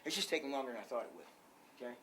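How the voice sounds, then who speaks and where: A man's voice: mid-range voice, expressive, rapid-fire, fairly bright tone, far from the mic, a little hiss or hum, poor audio. An older man, a wrestling coach, giving an emphatic clinic talk full of rhetorical questions.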